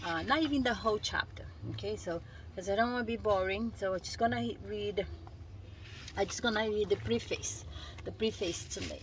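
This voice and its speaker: Outdoors on a rock, a woman with a Brazilian Portuguese accent, Portuguese being her native language, reads aloud from a self-help book for her vlog. Her voice sits at medium pitch; she reads haltingly with stumbles, restarts and offhand asides, and the low-quality recording has slight background noise.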